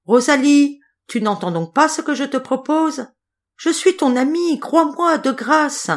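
Woman putting on a small shrill spiteful mouse. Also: a little slow. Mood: pleading. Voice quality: small high voice. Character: spiteful grey mouse, cursed wicked fairy.

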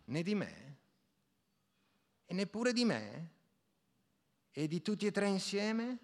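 A man voicing a cheeky, boisterous young working man who teases and jokes loudly. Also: high voice, sing-song, takes it slowly, voice pushed up, exaggerated voice. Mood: teasing, boisterous. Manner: teasing, loud and boisterous.

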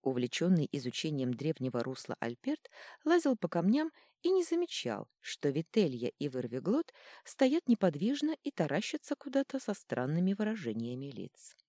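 Woman audiobook narrator, low voice with an animated delivery, dry recording. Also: normal speed, dry recording. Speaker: audiobook reader. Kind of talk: scripted narration.

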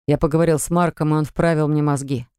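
A woman's voice: deep voice, steady tone, fast talker, dark tone, clear, resonant tone, dry recording, clean studio sound, natural voice. A woman narrator voicing a young man who earnestly coaxes and pleads with his ex-partner in an audiobook. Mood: pleading. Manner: earnest, coaxing.

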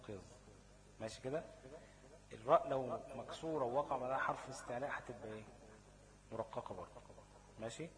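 A man with a medium-pitched voice and an Egyptian Arabic accent teaches a recitation class, constantly checking students with "what?" and "okay?" His classroom lesson is captured in a rough recording with class chatter behind him.

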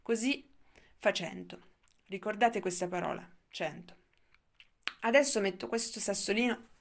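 A woman's voice: medium pitch, measured pace. A woman reading the lines of a rambling, wistful old grandfather in an audiobook. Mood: patient explaining. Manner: wistful, lecturing.

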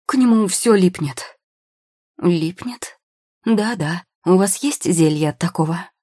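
Storybook: woman voicing a frantic young mother, shrill and breathless, dry husky tone. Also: animated, slow pace, mellow, no echo, full character voice.

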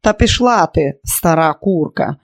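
A man's voice: sits high, moderate pace, dry recording, studio quality. A man reading an audiobook, voicing a coarse, drunken boardinghouse manager of about thirty. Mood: angry. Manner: coarse, rude, shouting.

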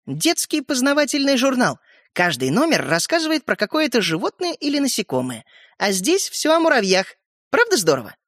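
A woman voicing a bossy know-it-all schoolgirl sister in an audiobook, shrill and mocking. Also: huge pitch swings, normal speed, fairly bright tone, dry recording, heavily acted. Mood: eager. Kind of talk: audiobook character voice. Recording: dry close recording.

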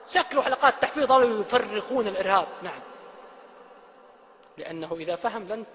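Brief: male preacher, quick and bright, sermon in a reverberant hall. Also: sits high. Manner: animated, swings from loud emphatic to hushed.

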